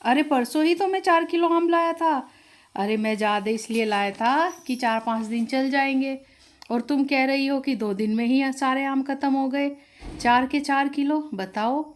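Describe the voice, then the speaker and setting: A woman's voice: high-pitched, moderate pace, close to an everyday voice. Woman doing laid-back young husband, indulgent, storybook voice. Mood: easygoing. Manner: easygoing, indulgent.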